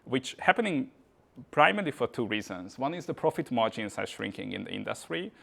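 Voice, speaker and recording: A man's voice: medium pitch, big pitch swings, a little fast, vocal fry, fairly bright tone. A man from Hungary, giving a casual tech meetup talk with frequent "uh" and "kind of" fillers. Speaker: conference speaker. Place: meetup venue.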